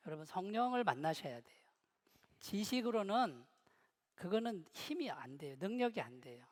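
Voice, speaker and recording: Middle-aged male pastor, high voice, humorous storytelling sermon, long hall reverb. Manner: humorous storytelling, joking with the congregation. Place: church hall.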